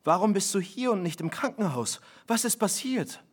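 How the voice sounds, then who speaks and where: Man voicing a shocked mother, urgent raised questions, somewhat high voice, read-aloud story. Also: animated, moderate pace. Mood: alarmed. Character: shocked anxious mother, middle-aged woman.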